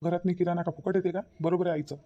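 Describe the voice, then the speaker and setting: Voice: medium pitch, flat delivery, rapid-fire, muffled recording, close to an everyday voice. A performer voicing a worried grown son and husband in a cartoon comedy, anxious and questioning. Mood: scolding.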